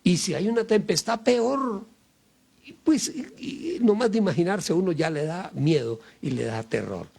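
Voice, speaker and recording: A man preaching a sermon in a slow, deliberate way that leans hard on key words. His voice sits a little high, with a gravelly, husky edge, and his pitch rises and falls with lively emphasis. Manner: slow, emphatic preaching with many pauses and fillers. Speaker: pastor.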